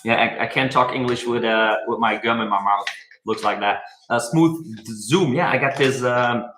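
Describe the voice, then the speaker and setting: A man's voice: mid-range voice, fairly even intonation, normal speed, pushed and bright, a little hiss or hum. A man hosting a casual live stream from a room at home on a webcam, rambling with chuckles and many fillers. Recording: echoey room with faint music. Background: faint music.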